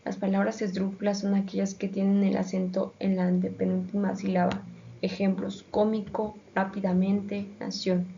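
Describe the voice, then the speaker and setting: A woman's voice: mid-range voice, monotone, moderate pace, creaky, mellow, a little hiss or hum. A woman reading a school presentation, hesitant and full of fillers. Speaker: student presenter. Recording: dull lo-fi sound.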